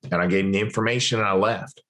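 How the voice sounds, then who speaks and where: A man's voice: on the low side, steady tone, quick pace, fairly bright tone. A man, a podcast guest, telling a story in conversation and acting out the dialogue of the people in it.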